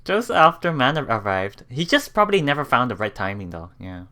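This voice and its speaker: A woman with a bass voice hosts a let's play, reading visual novel text aloud in a very animated, brisk, sharp tone. Between the lines she reads, she drops giggly, reactive asides.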